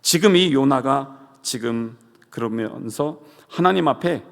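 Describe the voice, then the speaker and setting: A male pastor preaching a sermon, swinging between loud cries and hushed asides and asking the congregation rhetorical questions. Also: medium pitch, expressive, measured pace, vocal fry. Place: church sanctuary. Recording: reverberant church hall.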